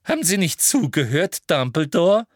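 A man's voice: sing-song, normal speed, dry recording, studio quality. A man voicing a simpering, cruel female official with a toad-like smile in an audiobook reading. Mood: sugary. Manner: sugary and shrill, turning furious.

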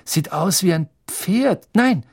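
A joking teenage schoolboy, put on by a male narrator, raised above the reader's husky voice. He drawls his words slowly and mockingly. Audiobook fantasy fare. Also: sits high, expressive, a little mellow, voice pushed up, full character voice. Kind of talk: audiobook reading.

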